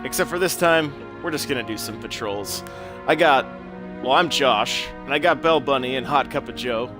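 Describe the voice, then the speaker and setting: A man's voice: medium pitch, normal speed. A man hosting a gaming podcast, chatting casually and laughing often while he plays. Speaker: podcast host. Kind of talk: casual chat while playing a video game. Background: game music.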